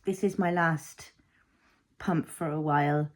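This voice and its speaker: A woman's voice: deep voice, fairly even intonation, slow pace. Rambling, reflective woman in her thirties. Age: 30s. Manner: rambling, reflective, filler-heavy. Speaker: vlogger, mother. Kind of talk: casual personal vlog.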